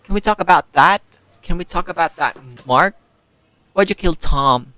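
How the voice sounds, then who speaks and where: A young man giving a casual, excitable spoken book review, full of slang and rhetorical questions. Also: fairly high pitch, normal speed, no room sound. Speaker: book vlogger.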